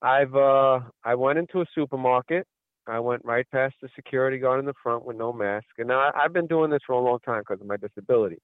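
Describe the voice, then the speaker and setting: A man's voice: mid-range voice, quick pace, no room sound. A male caller on a radio call-in show, telling a long story and acting out what each person said. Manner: rambling storyteller who acts out quoted exchanges. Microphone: telephone. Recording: tinny phone line, dry.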